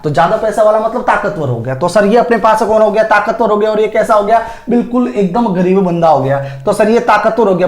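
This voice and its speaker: A man lectures on chemistry in a fairly high voice. He keeps firing questions at his students and answering them himself, with everyday comparisons. The sound is roomy and echoey. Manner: homely Hindi analogies, calls students sir. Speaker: chemistry teacher. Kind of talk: classroom lecture. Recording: echoey room.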